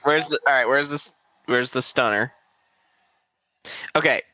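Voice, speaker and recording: A man co-hosting a casual watch-along podcast, animated and laughing often. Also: mid-range voice, unhurried, dry recording. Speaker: podcast co-host. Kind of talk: casual chat. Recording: dry, dull lo-fi mic.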